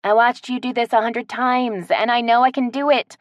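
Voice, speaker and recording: A woman's voice: on the high side, fairly even intonation, normal speed, no echo, pitched above the performer's own voice, lightly acted. A woman voicing a stubborn, strong-willed woman who teases and refuses to back down. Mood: defiant. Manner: teasing, defiant.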